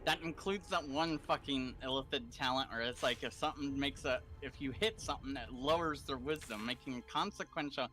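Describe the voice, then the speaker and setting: A man's voice: mid-range voice, a little fast, hardly any pauses, pushed and bright. A young man playing a co-op game, explaining its mechanics casually and swearing freely. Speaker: co-op gamer. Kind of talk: casual gaming chat.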